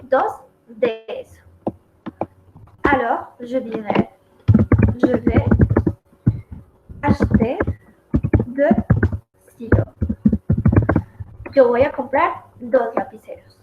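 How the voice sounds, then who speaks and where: A woman's voice: fairly high pitch, extremely slow, long pauses, over loud music. A woman teaching a French lesson in Spanish, explaining each example step by step and repeating it. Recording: echoey room, dull lo-fi audio, noisy.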